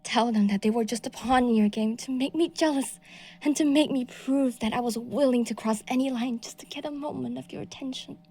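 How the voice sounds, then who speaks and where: Playing a possessive, delusional young woman who stalks someone, the performer alternates breathy whispers with shrill bursts in this audio roleplay. She speaks fairly quickly, and the mood is obsessive and menacing.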